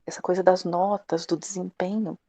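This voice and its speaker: A middle-aged woman with a Brazilian accent, sharing personal stories in a live therapy session in a direct, animated way. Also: fairly low pitch, moderate pace, no echo. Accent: Brazilian Portuguese. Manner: direct, animated, acts out quoted dialogue. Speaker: class participant.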